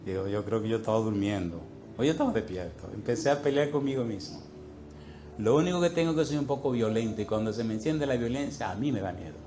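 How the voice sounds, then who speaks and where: Animated man telling a sermon story. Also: fairly low pitch, fast, a little hiss or hum. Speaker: preacher.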